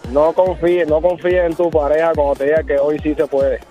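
A man's voice: fairly high pitch, level tone, normal speed, faint music behind. A man, calling into a radio show and cracking jokes over the phone. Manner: wisecracking. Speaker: caller. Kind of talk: joking phone call. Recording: dull phone line.

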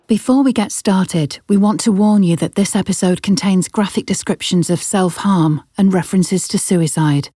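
A woman narrating a scripted true crime podcast in a measured, dramatic storytelling way, with short deliberate phrases. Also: medium pitch, warm tone, dry recording, clean studio sound.

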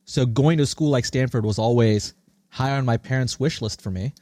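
Brisk and mellow in the mid-range, this man's voice comes through with studio quality and no room sound. He's a podcast guest in his thirties, a startup CEO with an American accent who was born in India and grew up in Singapore. His interview answers are articulate, earnest and emphatic.

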